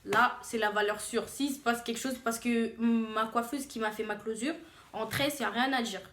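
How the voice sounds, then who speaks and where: A young woman telling a story on her vlog in a lively way, often repeating phrases for emphasis. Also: a little high, normal speed. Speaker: vlogger. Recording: roomy echo.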